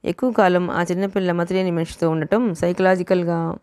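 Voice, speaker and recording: A woman's voice: on the low side, fairly even intonation, fairly quick, darkish tone, smooth, dry recording, studio quality, lightly acted. Woman reading a blunt woman lawyer.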